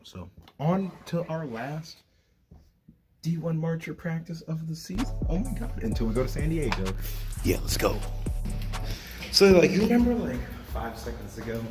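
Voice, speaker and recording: A young man in college vlogging casually on his phone while walking around campus, upbeat and rambling, a little out of breath. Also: mid-range voice. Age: young adult. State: slightly out of breath. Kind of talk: casual vlog narration. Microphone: handheld phone.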